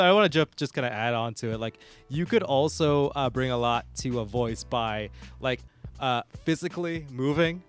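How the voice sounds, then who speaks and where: A man's voice: mid-range voice, a bit bright, smooth. Chatty man hosting a podcast. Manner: chatty, quick asides, tags "right?". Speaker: podcast host. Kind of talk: casual chat.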